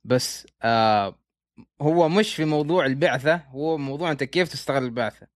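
A man's voice: on the high side, fairly quick, dry recording, studio quality. A man with a Gulf Arabic accent chatting casually as an interviewer. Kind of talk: casual chat.

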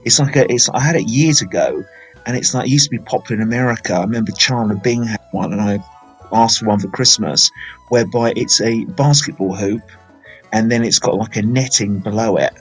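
A man's voice: fairly low pitch, brisk, husky, soft background music, rough recording. A man, hosting a casual film podcast and talking in a rambling, chatty way full of fillers. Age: 40s. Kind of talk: casual film chat, live-streamed.

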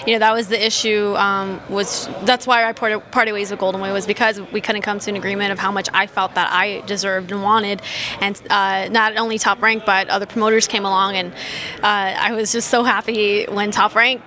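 A woman's voice: medium pitch, flat delivery, fairly quick, bright, forceful tone. A woman boxer answering interview questions in an earnest, upbeat way, with many fillers.

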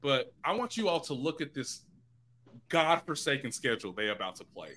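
Bright, excitable sports reporter man. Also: moderate pace. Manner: animated and excitable, jumps up in pitch for emphasis. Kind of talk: casual podcast chat.

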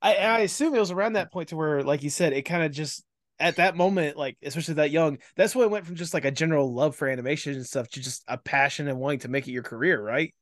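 A man's voice: fairly high pitch, fast, dry recording, clean studio sound. A man hosting a podcast, reacting eagerly to his guest in casual chat and leaning heavily on "like" as a filler. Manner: enthusiastic, filler-heavy with lots of "like". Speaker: podcast host.

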